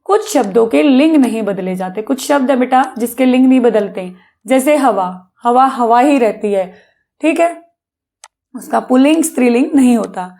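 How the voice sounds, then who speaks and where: A woman's voice: a little high, lively intonation, normal speed, dark tone. A woman teacher giving a patient grammar lesson to children, often asking questions and answering them herself. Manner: patient, addresses pupils as beta, asks and answers own questions.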